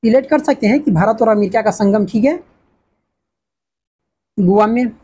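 Husky woman coaching exam prep. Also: a little high, normal speed, warm tone. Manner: repetitive, asks and answers her own questions. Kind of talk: casual exam-prep lesson.

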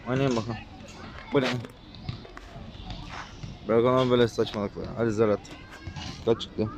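A young man giving casual gameplay commentary as a gaming YouTuber, talking in a rough, slangy and bossy way to the characters on screen. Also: medium pitch, steady tone, moderate pace, lo-fi sound, noisy background.

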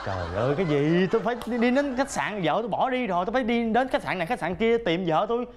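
An actor playing a weary, brusque husband whose wife left him, in a family sitcom. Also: male voice, medium pitch, lively intonation, fast, close to an everyday voice. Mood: agitated. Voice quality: weary, brusque, bursts into agitated shouting. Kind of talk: sitcom acting.

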